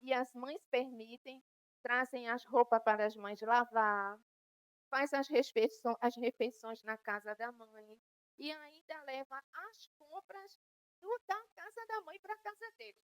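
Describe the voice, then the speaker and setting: A woman's voice: on the high side, unhurried, no echo, poor audio. A woman giving a spiritual lecture to an audience, conversational and full of "né?" tag questions. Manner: addresses listeners directly. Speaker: spiritist medium giving a talk.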